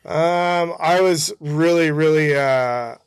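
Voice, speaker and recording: This interview guest, a motorcycle hill climb rider, tells racing stories in a casual, laid-back chat outdoors in a backyard, sounding slangy and hesitant. His fairly high-pitched voice is slow and clean in tone. There's no echo, and the sound is clean like a studio.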